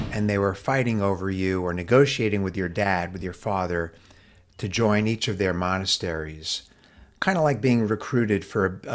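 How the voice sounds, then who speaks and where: A man's voice: lowish voice, a bit bright. A man hosting a podcast interview, asking his guest friendly, conversational questions. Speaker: podcast host.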